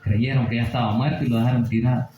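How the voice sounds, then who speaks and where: A man's voice: medium pitch, fairly even intonation, fast talker, mellow, echoey room, slight background noise, rough recording. A man preaching a Bible study sermon, asking rhetorical questions and checking in with his listeners. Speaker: pastor.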